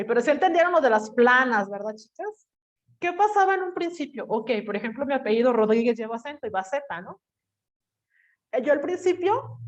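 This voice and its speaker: Lady teacher on a video call, kinda high voice, asks the class questions, explains with examples. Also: highs cut off. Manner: explains with lively everyday examples, quizzes the students. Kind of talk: online class lecture.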